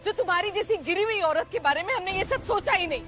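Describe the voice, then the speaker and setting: A woman's voice: very high-pitched, expressive, fast, fairly bright tone. An Indian actress playing a furious, haughty middle-aged mother who makes pointed accusations in a TV soap, over dramatic music. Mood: scornful. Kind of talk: melodramatic TV soap acting.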